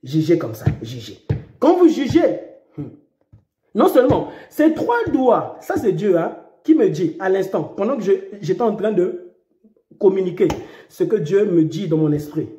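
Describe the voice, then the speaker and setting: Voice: medium pitch, sing-song, normal speed, warm tone, reverberant, lo-fi sound. A preacher delivering an impassioned sermon, repeating phrases and breaking into dramatic cries.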